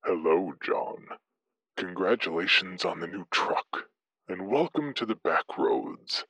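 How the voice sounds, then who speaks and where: An otherworldly disembodied dispatcher on the CB radio, low and husky, calm and formal, put on by a male storyteller. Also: slow, no echo, heavily acted. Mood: eerie formal. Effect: distant disembodied radio voice. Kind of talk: horror story narration.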